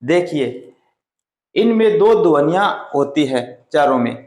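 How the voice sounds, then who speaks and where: A man teaches a Hindi grammar lesson in a slow, careful way, stretching out each vowel as he demonstrates it. His voice sits a little high. The recording has the hollow ring of an echoey room. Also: expressive, darkish tone. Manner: deliberate, drawn-out sounding of vowels.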